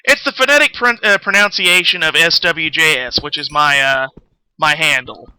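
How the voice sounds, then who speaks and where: Playing on his livestream as host, this man rambles casually, sweary and self-deprecating. He speaks at a moderate pace in a fairly high voice that is pushed, bright and smooth, on a rough recording.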